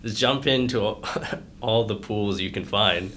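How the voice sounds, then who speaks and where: Low-voiced relaxed young man. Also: a little slow, over a noisy crowd. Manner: relaxed, filler-heavy, laughs mid-sentence. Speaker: podcast co-host. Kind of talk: casual chat.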